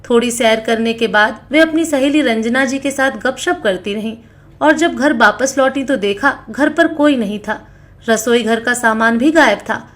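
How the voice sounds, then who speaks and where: A woman's voice: normal speed, a bit bright. A woman narrating a family moral story, voicing every character in her own voice with only small changes. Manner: reads all characters in her own voice, small pitch shifts.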